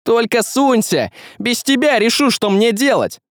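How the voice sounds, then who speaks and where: A man voicing a brash, quick-tempered young man who speaks bluntly in modern slang. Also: high voice, very animated, no echo, clean studio sound, voice pushed up, heavily acted. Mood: shouting.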